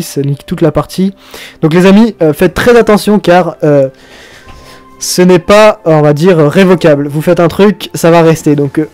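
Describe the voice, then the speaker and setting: A man's voice: on the high side, dark tone. A young man hosting a casual game tutorial, chatty, swearing now and then and breaking into mock-dramatic outbursts. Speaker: video game tutorial host.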